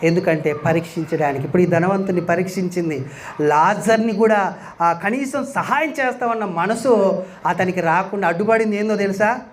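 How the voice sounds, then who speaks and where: A male preacher delivers a sermon with a notably high-pitched voice. He speaks emphatically, asks rhetorical questions and repeats scripture lines after they are read. A faint hiss sits under the recording. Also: moderate pace.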